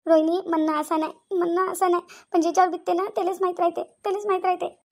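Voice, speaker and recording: Tearful, high-voiced cartoon wife. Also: female voice, level tone, fast. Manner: tearful, pleading, repeats herself. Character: grieving young wife and mother. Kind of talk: Marathi cartoon voice acting.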